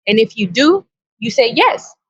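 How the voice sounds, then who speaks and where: A woman's voice: a little high, big pitch swings, measured pace, slightly rough, no echo. A woman guest on a podcast telling a personal story with blunt, earnest, profane reported dialogue. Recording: dull, dry lo-fi sound.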